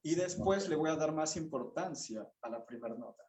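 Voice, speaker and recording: A man teaching a bassoon masterclass, patiently explaining and singing rhythms and note names to show the phrasing. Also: lively intonation, normal speed, darkish tone. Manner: patient, encouraging. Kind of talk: masterclass instruction.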